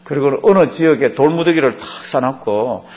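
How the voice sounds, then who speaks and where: A man's voice: medium pitch, fairly quick, darkish tone. A male pastor giving a Bible study lecture in a church class, acting out quotes and quizzing his students. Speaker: pastor teaching a Bible course.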